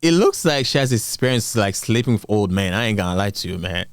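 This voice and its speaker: A man's voice: lowish voice, animated, fast, clean tone, dry recording. A man hosting a drama channel, giving casual, blunt, slangy reaction commentary with repeated rhetorical questions.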